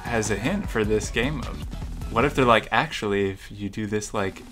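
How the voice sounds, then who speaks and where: A man's voice: lowish voice, normal speed. A man co-hosting a casual gameplay video, reading out game prompts, reacting and laughing. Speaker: gaming channel co-host. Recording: loud game music behind.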